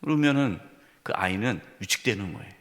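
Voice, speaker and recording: A male senior pastor preaching a sermon, moving between raised emphasis and hushed, tender asides. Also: on the low side, lively intonation, fairly quick. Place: church sanctuary. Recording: long reverb of a church sanctuary.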